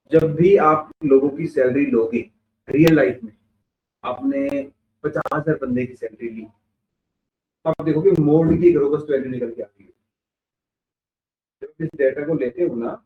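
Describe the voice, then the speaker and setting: An instructor with a mid-range voice lectures from a distance in an echoey classroom, explaining things step by step and posing rhetorical questions. The phone-like mic sits far away, picking up some hiss or hum.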